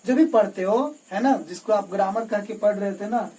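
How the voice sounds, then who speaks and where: A man's voice: high voice, normal speed, warm tone, distant mic, rough recording. A male English teacher giving a classroom lecture, asking questions and answering them himself and often checking in with the class. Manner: keeps checking in with "okay?" and "remember". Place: classroom with a board. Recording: voice from away from the mic.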